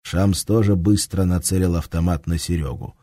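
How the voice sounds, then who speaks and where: A man narrating a war story in a measured, tense tone. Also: low-pitched, mellow, dry recording. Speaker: audiobook narrator. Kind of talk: scripted narration.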